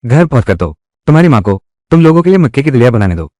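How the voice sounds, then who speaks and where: Man with a lively, varied pitch. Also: quick pace, dry recording. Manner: reads every part in one voice. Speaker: dubbing narrator. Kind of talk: Hindi drama recap dubbing.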